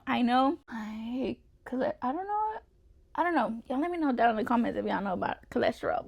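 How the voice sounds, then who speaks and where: Young female vlogger, chatty and rambling, with a gravelly, fry-heavy voice pitched a little high. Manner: rambling and animated, full of "like" and "you know". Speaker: beauty vlogger. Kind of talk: chatty get-ready-with-me vlog. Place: home.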